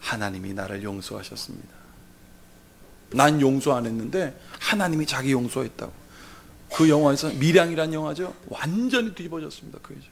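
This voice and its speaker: A male pastor delivering a sermon in a notably high voice for a man. He speaks with emphasis and swings between loud declarations and quiet, hushed asides. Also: a little fast, a little hiss or hum.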